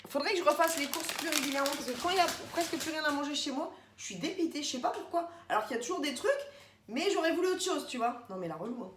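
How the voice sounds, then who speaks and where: A woman's voice: high-pitched, lively intonation, fast talker, a bit bright. Chatty woman in an echoey room. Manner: chatty, rambling, talks to viewers as tu. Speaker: vlogger. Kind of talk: casual grocery haul vlog. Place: home, indoors. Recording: echoey room, faint background noise.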